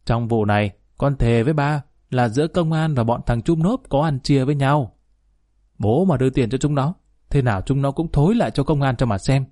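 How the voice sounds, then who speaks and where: A man's voice: mid-range voice, a little fast, mellow, no echo, clean studio sound, close to an everyday voice. A man reading aloud and voicing a sulky, defiant young son of twenty-one in a storybook reading. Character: defiant 21-year-old son.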